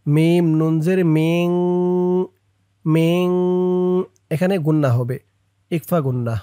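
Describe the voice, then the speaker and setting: A man with a Bangladeshi Bengali accent leads a patient recitation lesson, spelling out each syllable and drawing the words out long so listeners can copy him. His voice sits high and moves at an unhurried pace. The close, dry studio sound leaves no room echo. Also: steady tone, mellow, faint music behind. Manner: slow drawn-out chanting of words, quicker plain explanations. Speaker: Quran recitation teacher.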